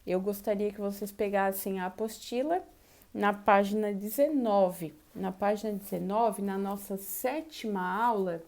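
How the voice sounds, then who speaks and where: A woman teacher with a Brazilian accent giving an online language class, explaining slowly and raising her voice into questions to demonstrate intonation. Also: mid-range voice, a little mellow. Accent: Brazilian Portuguese. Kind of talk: online Portuguese class lesson.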